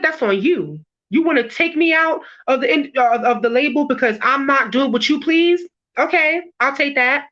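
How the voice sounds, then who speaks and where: Woman artist on a video call, high bright voice, blunt, cusses a lot, dull lo-fi sound. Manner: blunt, swears freely, repeats words as she restarts. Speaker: interviewed music artist. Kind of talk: candid, emphatic interview talk.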